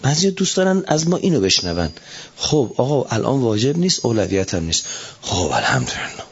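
A middle-aged man giving a religious talk, animated, swinging between loud emphatic lines and low soft asides. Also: breathy edge. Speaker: preacher. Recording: dull lo-fi recording.

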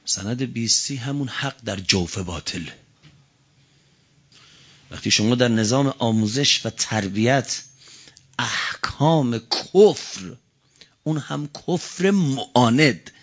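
A man preaching a religious sermon as a cleric, chanting quotations slowly and swinging from quiet talk to shouting. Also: mid-range voice, animated, slightly rough, highs cut off.

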